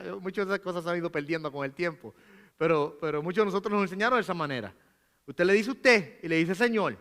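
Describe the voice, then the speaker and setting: A man's voice: sits high, bright, forceful tone, smooth. A man preaching a sermon as pastor, explaining patiently with rhetorical questions and reading scripture aloud with emphasis. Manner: asks rhetorical questions, frequent "¿verdad?". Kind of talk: sermon teaching. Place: church.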